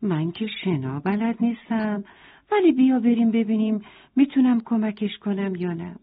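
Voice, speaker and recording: A woman's voice: medium pitch, expressive. A woman voicing a worried male farmyard rooster in a children's bedtime story, crying out in alarm. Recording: tinny phone-like sound.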